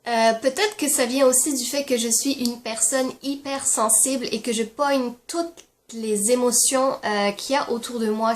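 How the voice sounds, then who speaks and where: A French woman in her twenties, with an accent that mixes French and Québécois, talking candidly to the camera in a casual vlog with hesitant fillers. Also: fairly high pitch. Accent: mixed French and Québécois. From France. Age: 20s. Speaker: YouTuber.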